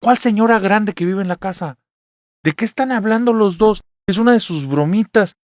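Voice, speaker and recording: Guy putting on a shrill mom yelling accusations, pitched way up, dry close sound. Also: moderate pace, no echo, lightly acted. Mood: scolding. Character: angry scolding middle-aged mother.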